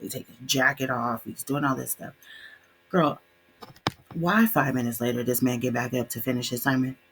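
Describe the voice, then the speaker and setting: A young adult woman co-hosting a podcast, telling a story in a casual, animated way and doing the voices of her relatives. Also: a bass voice, moderate pace, slight background noise. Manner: animated, voices quoted relatives, laughs often. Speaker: podcast co-host.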